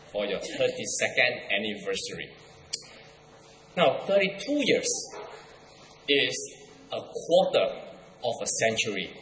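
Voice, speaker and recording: A man's voice: medium pitch, bright, forceful tone, slight background noise. A middle-aged man from Singapore with a Singaporean accent, preaching a sermon as a guest pastor, with light humor. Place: church hall. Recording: echoey church hall.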